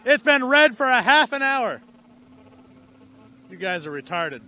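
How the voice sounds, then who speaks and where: A man calling a live race outdoors at an amateur track, irreverent and profane, getting excited as the action builds. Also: very high-pitched, a little slow. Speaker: race announcer.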